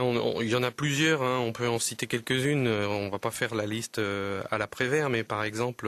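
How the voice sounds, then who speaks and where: A man from Lower Normandy, a guest on a radio interview, explaining earnestly and hesitantly with many fillers and restarts. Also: a bit bright, no echo. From Lower Normandy, France. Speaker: guest, land trust representative.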